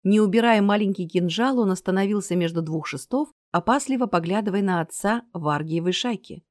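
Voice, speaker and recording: A woman's voice: medium pitch, fairly quick, no echo, clean studio sound. A woman reading a fantasy novel aloud as the narrator. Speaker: audiobook narrator.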